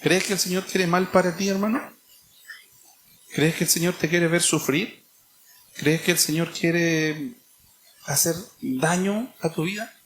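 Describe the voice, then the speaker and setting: A preacher with a Chilean accent delivers an emphatic sermon. The delivery leans on repetition and rhetorical questions, with a pitch that sits in a middle range. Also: unhurried, long pauses. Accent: Chilean Spanish.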